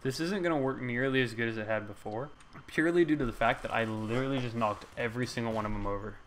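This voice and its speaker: Young male gaming host, mid-range voice, silly and foul-mouthed, quick to giggle. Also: medium pitch, a bit bright, a little hiss or hum. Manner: joking, giggly, swears freely. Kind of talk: casual gameplay commentary.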